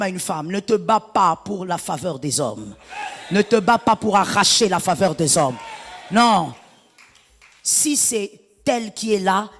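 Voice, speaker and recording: A woman pastor delivering an animated sermon, her preaching rising to shouts. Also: medium pitch, long reverb tail, a little hiss or hum.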